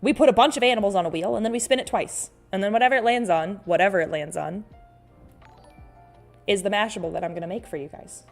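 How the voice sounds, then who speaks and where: A woman's voice: medium pitch, quick pace. Casting: female livestream host, mid-range voice, playful and exclamatory, loose rambling chat with viewers, music underneath. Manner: playful, exclamatory, reads out comments and reacts; rambling, often self-interrupting.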